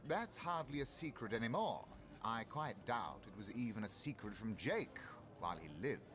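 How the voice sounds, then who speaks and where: An actor playing a composed townsman in a video game, articulate and measured, defending himself. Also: lowish voice, sing-song. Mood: composed, defensive. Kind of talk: game character acting.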